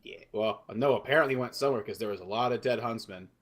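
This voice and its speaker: A man co-hosting a podcast in casual chat, animated and swearing, often laughing. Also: mid-range voice, fast talker. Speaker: podcast co-host.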